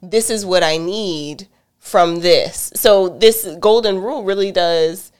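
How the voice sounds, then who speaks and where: Woman, middle-aged, direct talker, animated storytelling, casual conversation. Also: lowish voice, slow, smooth. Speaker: podcast co-host.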